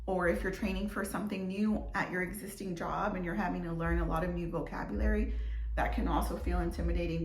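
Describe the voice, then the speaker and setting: A woman's voice: mid-range voice, echoey room, slight background noise. A young adult woman teacher talking casually to kids, chatty and loose, with fillers and restarts. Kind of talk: casual classroom talk to kids on video.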